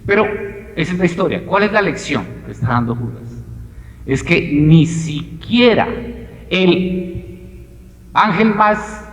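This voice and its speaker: Male pastor, emphatic repetitive preaching, high voice, reverberant room. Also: sing-song, normal speed. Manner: emphatic preaching with repeated phrases. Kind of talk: verse-by-verse Bible exposition. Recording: echoey hall.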